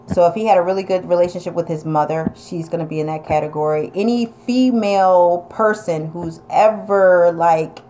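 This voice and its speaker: A woman's voice: fairly low pitch, moderate pace, few pauses, warm tone, slight background noise. A woman with an upstate New York accent, chatting casually and bluntly as she reads and answers viewer comments. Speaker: vlogger reading viewer comments. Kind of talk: casual advice chat.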